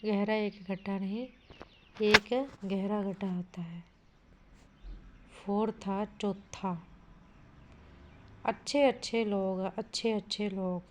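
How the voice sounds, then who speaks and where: A woman's voice: mid-range voice, steady tone, slow pace, a little mellow, slight background noise. A woman teaching an exam-prep grammar lesson. She reads out sentences, asks what a word means, corrects it, and calls her listeners "bhai". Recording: dull lo-fi audio.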